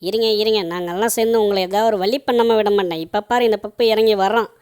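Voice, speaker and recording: A woman's voice: medium pitch, fairly even intonation, fast talker, a little mellow, clear, resonant tone, natural voice. A woman voicing a mischievous little boy in a doll play, bragging about his prank. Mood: scheming. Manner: playful, gleeful, bragging.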